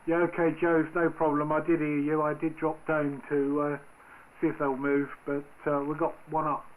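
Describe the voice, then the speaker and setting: A man's voice: a little high, moderate pace, narrow, tinny audio. A man acting as controller of an amateur radio net, speaking informally and hesitantly in radio procedure. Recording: noisy shortwave radio, steady static.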